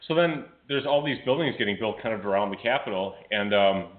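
A man's voice: fairly low pitch, lively intonation, a little fast. A man co-hosting a sports talk show, nasal with a cold, rambling with many fillers. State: has a cold. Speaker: co-host. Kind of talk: casual sports radio talk. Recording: tinny phone-like audio.

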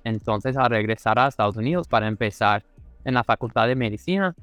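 A man's voice: lowish voice, a bit bright, clear, resonant tone, no echo. American man speaking careful Spanish. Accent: American English. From Kansas City, Missouri, USA. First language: English. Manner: measured, repeats words while searching for Spanish. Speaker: podcast guest, anesthesiologist. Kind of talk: casual interview chat.

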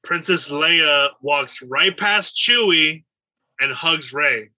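A young man co-hosting a casual film chat, animated and quick to laugh, swearing now and then. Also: a little high, dry recording, low-quality recording. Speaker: podcast co-host.

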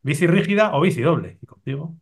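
A man from Spain hosting a casual podcast, leading quick-fire questions in a friendly, joking way. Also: fairly high pitch, expressive, slightly rough. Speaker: podcast host.

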